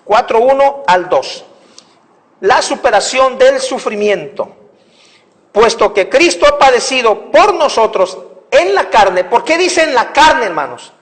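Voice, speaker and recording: Predicador de tono muy agudo. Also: male voice, extremely high pitch, animated, measured pace. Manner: emphatic, repeats phrases, addresses the listeners directly. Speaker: preacher. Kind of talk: sermon. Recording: echoey hall.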